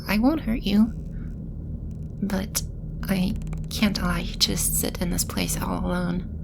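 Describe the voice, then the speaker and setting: In an ASMR roleplay, a woman voices a gentle female demon protecting a lost child, speaking softly, breathily and soothingly with whispery passages. Her medium-pitched voice is unhurried and reassuring, with background noise and ambient sound effects around it.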